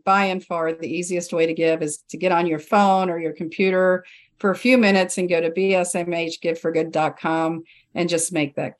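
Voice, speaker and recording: A woman speaking as an interview guest in a conversational way, earnest and enthusiastic. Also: lowish voice. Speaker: guest, charity foundation representative.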